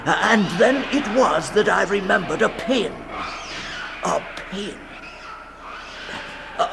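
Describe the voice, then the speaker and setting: A medium-pitched, creaky male voice belongs to an actor portraying a desperate, terrified climber recounting his nightmare escape. It's a 1960s radio monologue of a fantasy tale, captured on a noisy recording. The delivery is theatrical and halting, full of gasps, swinging from whispers to cries.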